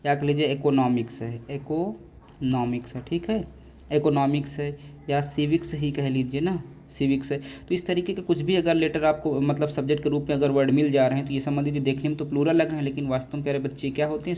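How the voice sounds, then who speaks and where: Mellow-voiced teacher, rhetorical questions. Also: male voice, fairly high pitch, a little hiss or hum. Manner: repetitive rhetorical questions to students. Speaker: English teacher. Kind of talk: board exam grammar lesson.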